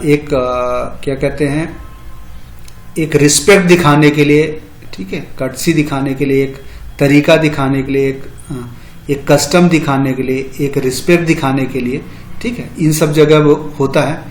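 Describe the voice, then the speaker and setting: A man's voice: fairly high pitch, reverberant, rough recording. A man teaching spoken English to beginners. He explains each phrase in Hindi, repeats the English version several times, and often says "ठीक है". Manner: frequent "ठीक है" fillers.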